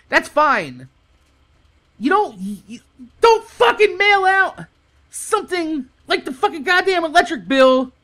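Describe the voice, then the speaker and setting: A young American YouTube host rants through a casual storytime video, his bright, forceful voice swinging widely in pitch. Exasperated, he complains with plenty of profanity and repeats words for emphasis.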